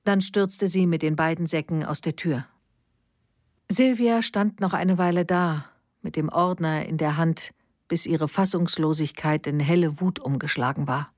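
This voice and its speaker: A woman narrating a novel as an audiobook in a measured, even storytelling manner. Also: sits low, no room sound, studio quality.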